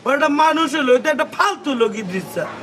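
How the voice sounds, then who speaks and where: A man's voice: very high voice, sing-song, very fast, rough recording. A man playing a boastful young male gatekeeper who keeps demanding respect in a comic drama. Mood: bragging. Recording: music playing under the voice.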